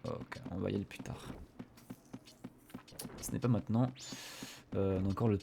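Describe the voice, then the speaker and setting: A man's voice: low voice, fairly even intonation, moderate pace, vocal fry, noisy background. A man casually commentating a video game for his viewers, hesitant and full of fillers. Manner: hesitant, many fillers, addresses viewers as "les gars". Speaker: gaming YouTuber. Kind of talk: casual let's play commentary.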